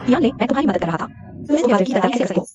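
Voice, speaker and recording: A woman's voice: fairly high pitch, expressive, rapid-fire, muffled recording, lightly acted. A woman dubbing a spiteful young female rival in a drama, taunting and mocking in her lines. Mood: indignant. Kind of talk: Hindi dubbed TV drama. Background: drama score music.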